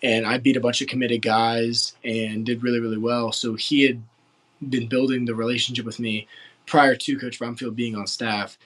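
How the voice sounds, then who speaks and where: A man's voice: medium pitch, flat delivery, normal speed, a bit bright, low-quality recording. A man in his late teens from West Virginia, answering interview questions in an earnest, rambling way full of filler words. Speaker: football recruit interviewee.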